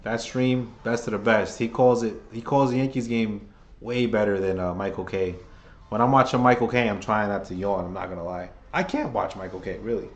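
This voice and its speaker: Man, hoarse, casual fan play-by-play host, rambling and opinionated. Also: lowish voice, fairly quick, muffled recording. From New York. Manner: rambling, opinionated, restarts phrases often. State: hoarse, losing his voice.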